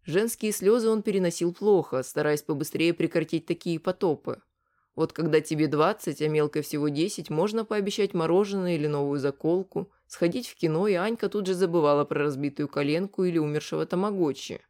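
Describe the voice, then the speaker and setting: A woman with a fairly low voice reads a novel aloud in an even storytelling manner. Her delivery is scripted and steady, paced for listening. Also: brisk. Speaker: audiobook narrator. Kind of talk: scripted narration.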